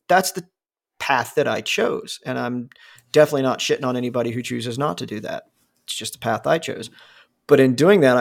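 You hear a mid-range, gravelly voice from a man in his forties. He's just chatting, meandering with fillers and restarts and cursing liberally.

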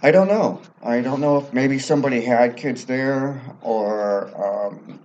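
A man's voice: medium pitch, a little slow, a little mellow. A man telling personal anecdotes casually as an interview guest, recorded in a basement with muffled sound. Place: library basement.

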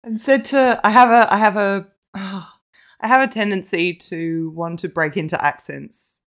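A young woman co-hosting a casual chat podcast, playful and quick to laugh. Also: medium pitch, fairly bright tone. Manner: playful, laughs often, breaks into jokes. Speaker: podcast co-host.

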